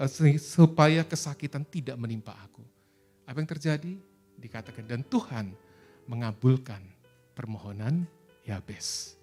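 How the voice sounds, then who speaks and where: A man's voice: medium pitch, darkish tone. A man with an Indonesian accent preaching a sermon as pastor, earnest and exhorting, telling stories.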